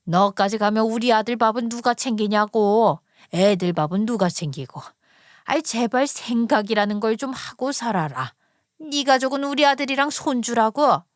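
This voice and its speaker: A woman voicing a spiteful older mother-in-law who scolds in a shrill, contemptuous way. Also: expressive, moderate pace, dry recording, clean studio sound, natural voice. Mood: smug. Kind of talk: storytelling radio narration.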